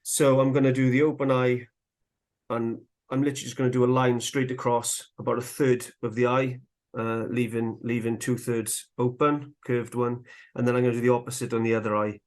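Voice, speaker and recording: A man teaching woodcarving live, chatting in a relaxed way as he works, a little out of breath. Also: mid-range voice, a little fast. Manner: relaxed, chatty, talks while working. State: slightly out of breath. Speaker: woodcarving instructor. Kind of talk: live carving tutorial.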